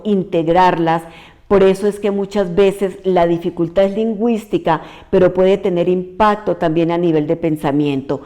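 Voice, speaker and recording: Low warm-voiced woman explaining patiently. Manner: patient explanatory, gives many examples. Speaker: educator. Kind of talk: explanatory video lesson.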